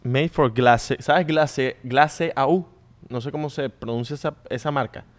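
A man co-hosting a relaxed video chat. He jokes easily and tosses English words into his Spanish. His voice has a typical middle pitch for a man. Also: measured pace. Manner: joking, mixes in English fillers. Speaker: co-host. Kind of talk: casual chat.

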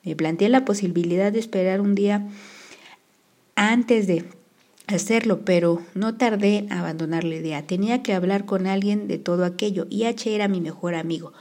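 Mellow-voiced woman narrating an audiobook. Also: medium pitch, moderate pace. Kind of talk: audiobook narration, first person.

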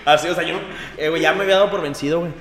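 A man's voice: fairly high pitch, fairly even intonation, racing, fairly bright tone, big-room sound. A young man with a Mexican accent telling a story in casual chat, slangy, with "güey" in almost every phrase. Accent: Mexican Spanish. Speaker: podcast guest.

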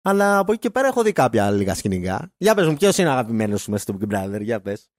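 A man's voice: medium pitch, sing-song, dry recording, clean studio sound. A man hosting a casual podcast chat, playful and teasing, laughing often. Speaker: podcast host.

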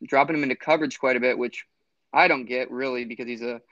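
A man's voice: mid-range voice, steady tone, fast, a bit bright, no echo. Guy rambling about football picks, lots of um and uh, muffled dry mic. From Florida. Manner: rambling, lots of fillers and restarts. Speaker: podcast co-host. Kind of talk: casual sports chat.

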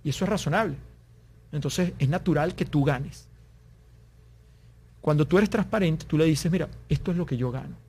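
A man with a somewhat high voice talks through business advice as an interview guest. He explains earnestly and voices short back-and-forth exchanges as examples. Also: moderate pace, pauses often, darkish tone, slightly rough. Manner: explains with examples, acting out little dialogues. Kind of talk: conversational interview.

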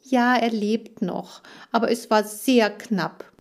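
A woman's voice: fairly high pitch, takes it slowly, pitched above the performer's own voice. A woman reading a children's audiobook, voicing an agitated, tearful girl who cares for farm animals. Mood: distressed. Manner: agitated, pleading, raised voice.

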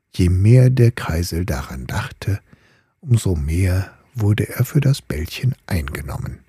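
A man narrating a fairy tale in an unhurried, storytelling way. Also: lowish voice, mellow, breathy edge, no room sound, studio quality. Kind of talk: slow fairy-tale reading.

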